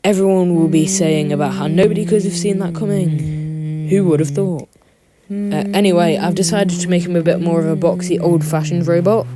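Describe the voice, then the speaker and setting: A woman's voice: fairly low pitch, fairly even intonation, moderate pace, loud music behind the voice. A woman with a sore throat giving casual, chatty, joking commentary as she narrates her own drawing video. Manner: joking, self-deprecating asides.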